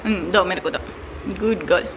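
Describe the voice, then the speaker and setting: A woman's voice: lowish voice, moderate pace. A young woman talking to her toddler and her viewers at home in a casual vlog, coaxing and playful, mixing Hindi and English. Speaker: vlogger and mother. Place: home kitchen. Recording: home video with clear background noise.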